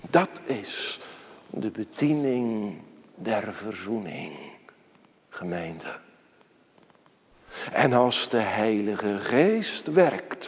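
A man preaching a solemn sermon as pastor, swelling loud, then dropping to a hushed near-whisper. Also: medium pitch. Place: church. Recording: long church reverb.

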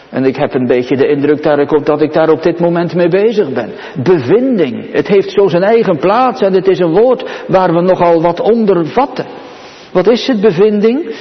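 Pastor guy preaching a sermon, slightly high voice, lifts up hard on the questions, kinda muffled recording. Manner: slow, solemn preaching with sudden rises in pitch on questions. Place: church. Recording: muffled, with long church reverb.

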